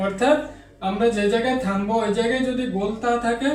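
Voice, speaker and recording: A man teaching an online Quran reading lesson, explaining each rule and then chanting Arabic examples in a slow, drawn-out recitation. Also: extremely high pitch, fairly even intonation, distant mic. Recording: echoey, off-mic room sound.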